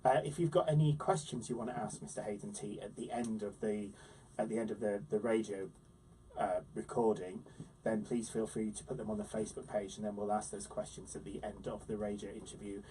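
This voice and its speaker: A man's voice: lowish voice, steady tone, a little fast, warm tone, distant mic, low-quality recording. A man hosts a theatre interview show, introducing guests with theatrical flourish. He sits a little back from the mic, and faint noise hums underneath. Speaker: radio show host. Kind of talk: hosting a podcast interview. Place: studio in New York.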